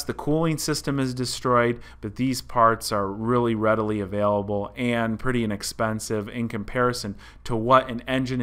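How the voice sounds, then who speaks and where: A man's voice: mid-range voice, sharp tone. A man in his thirties hosting a car channel, talking viewers through a story in a chatty, explanatory way from a room indoors. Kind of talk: casual vlog commentary. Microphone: desk mic in front.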